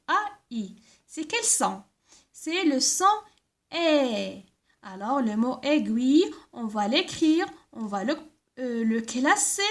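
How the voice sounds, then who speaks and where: A woman teaching a primary school class, reading instructions and spelling out letters and sounds, often checking with "d'accord?". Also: high-pitched. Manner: slow, careful, repeats words and letters, frequent "d'accord?".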